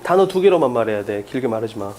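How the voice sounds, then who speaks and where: A man teaching an exam-prep English class, firing quick questions at students and stressing key points. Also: mid-range voice, lively intonation, darkish tone, slight background noise. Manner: drills students with rapid questions, emphatic.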